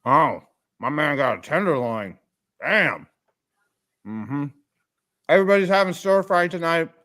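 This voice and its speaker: A man's voice: fairly high pitch, big pitch swings, a little slow, fairly bright tone. A streamer who talks in a laid-back, joking way while he eats. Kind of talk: casual live-stream chat.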